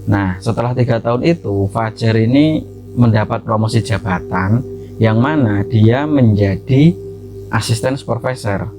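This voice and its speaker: A man's voice: fairly low pitch, a little slow, over music. A man hosting a horror story channel, narrating a submitted story in a chatty, loose way with frequent fillers and asides.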